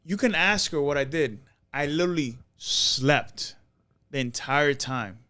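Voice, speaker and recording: A man in his late thirties telling stories casually on a podcast, animated and acting out his own past thoughts. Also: fairly high pitch, unhurried, clear, resonant tone. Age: late 30s. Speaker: podcast guest. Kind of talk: casual storytelling chat.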